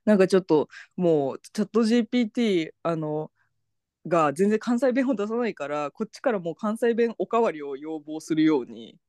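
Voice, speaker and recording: A woman hosting a podcast in casual chat, telling an animated story and reading out chat messages. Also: lowish voice, a little fast, no echo, clean studio sound. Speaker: podcast host.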